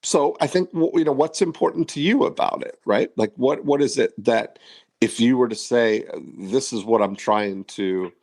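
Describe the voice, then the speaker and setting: A man's voice: medium pitch, normal speed, a little mellow. A man in his fifties hosting a podcast, talking in a reflective, rambling way with many fillers. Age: 50s. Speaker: podcast host. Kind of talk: casual interview chat.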